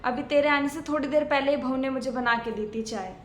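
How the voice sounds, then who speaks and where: A woman playing a gentle, soft-spoken older mother who calms and mildly scolds her daughter. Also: high-pitched, a little fast, slight background noise, natural voice. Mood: soothing. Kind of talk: homemade family skit acting. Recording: echoey room.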